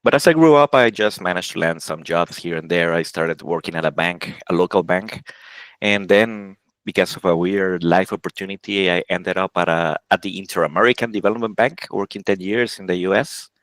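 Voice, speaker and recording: Man from Honduras, forties, game programmer interview guest, halting with restarts, lowish voice, dry close sound. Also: a bit bright, dry recording, rough recording. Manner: halting, many restarts and self-corrections, laughs often. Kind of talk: casual interview answers.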